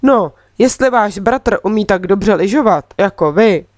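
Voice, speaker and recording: A woman's voice: mid-range voice, animated, darkish tone, no room sound, studio quality, lightly acted. A woman doing a wry, reasoning father. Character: dry-humored father on a ski trip.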